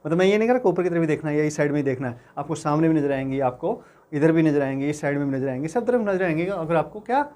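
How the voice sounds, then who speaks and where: This physics teacher talks very fast in a fairly high voice with a darkish tone, instructing exam students in Hindi. Friendly and reassuring, he calls them "beta" and keeps asking whether they're with him.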